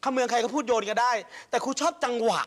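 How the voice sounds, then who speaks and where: Expressive man judging a talent show. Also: very high-pitched, fast. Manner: chatty, expressive, coaching tone. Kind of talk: judge's critique on TV. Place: TV studio with audience.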